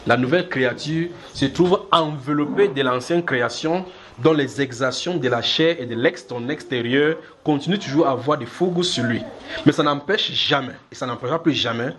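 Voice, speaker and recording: A man preaching a sermon in church, lively and demonstrative, often checking that the congregation follows. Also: mid-range voice, noisy background. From Cameroon. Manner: animated, acts out little scenes and keeps checking the congregation follows.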